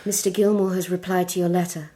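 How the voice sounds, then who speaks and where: An actress playing a gentle young Victorian lady in a radio drama, with a soft, formal manner. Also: on the low side, level tone, fast talker, natural voice. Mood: surprised, uneasy.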